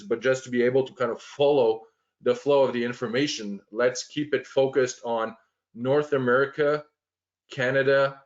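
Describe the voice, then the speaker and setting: A software trainer with a medium-pitched voice walks through planning software on a shared screen, explaining step by step. He uses lots of fillers and restarts, and the audio sounds dull.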